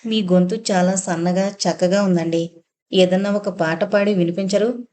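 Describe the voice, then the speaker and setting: Woman narrator voicing a young man, earnest, gentle, coaxing, mellow. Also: mid-range voice, steady tone, moderate pace, natural voice. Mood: admiring.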